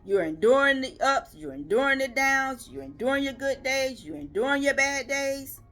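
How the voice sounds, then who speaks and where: A woman's voice: sits high, expressive, moderate pace, fairly bright tone, soft background music. Woman preaching in rhythmic rhetorical questions. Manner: earnest, emphatic, building rhythmic lists. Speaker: lay preacher. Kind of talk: devotional video sermon.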